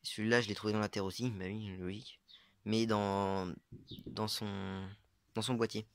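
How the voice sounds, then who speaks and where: A man's voice: on the low side, flat delivery, normal speed, slight background noise. A young man casually showing his metal-detecting finds, talking hesitantly with many fillers and unsure asides. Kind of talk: casual show-and-tell vlog.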